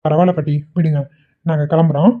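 A woman's voice: low voice, fairly even intonation, fast talker, narrow, tinny audio. A woman voicing an easygoing young husband in a cartoon, soothing and coaxing. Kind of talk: Tamil cartoon voice acting.

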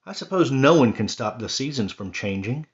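A man's voice: mid-range voice, expressive, normal speed, highs cut off, close to an everyday voice. A man doing a cranky grumbling rabbit. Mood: grumpy. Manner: grumbling, fussy complaints. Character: grumpy complaining male rabbit, small.

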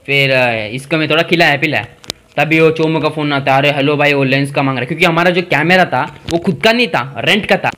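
A man's voice: fairly high pitch, slight background noise. A young man doing stand-up, telling a story and acting out the voices of the people in it. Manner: animated, acts out haggling dialogue in shifting voices. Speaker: stand-up comedian.

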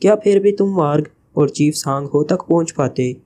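A man's voice: fairly high pitch, moderate pace, mellow, a little hiss or hum, close to an everyday voice. A man reading the part of a sly, joking male spy leader in a teasing, evasive way.

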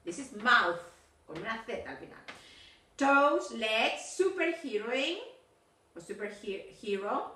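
A woman teacher in a recorded video lesson, correcting homework. She stretches out English words slowly, then switches to quick explanations. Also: fairly high pitch, sing-song, a bit bright, a little hiss or hum. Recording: roomy sound from a distance.

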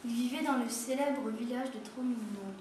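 A woman's voice: fairly high pitch, normal speed. Woman reading a storybook aloud at a school, very echoey room, noise behind. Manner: steady read-aloud delivery. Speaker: reader at a school. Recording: echoey room, far from mic, noisy.

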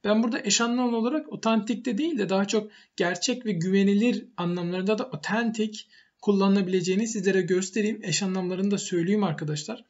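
A man's voice: high-pitched, quick pace, highs cut off. Man teaching vocabulary, repeating each word. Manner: explanatory, repeats words for emphasis. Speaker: English teacher. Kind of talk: vocabulary lesson while typing.

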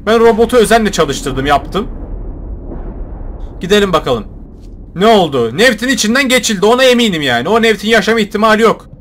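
A young man commentating his own gameplay, joking and shouting at the game characters. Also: sits high, animated, fairly quick, a little hiss or hum. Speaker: gaming YouTuber. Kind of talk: let's play commentary.

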